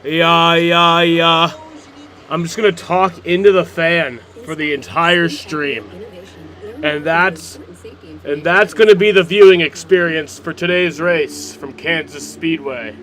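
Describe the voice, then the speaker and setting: A man livestreaming who talks straight into a spinning fan, so his voice warbles, loud, goofy and joking in casual chat. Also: on the high side, slow pace, slight background noise. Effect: talking into a spinning fan, voice warbled.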